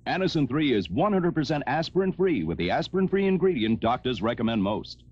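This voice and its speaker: A man's voice: mid-range voice, very animated, brisk, heavy background noise. A man announcing a scripted vintage TV commercial. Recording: muffled old TV audio.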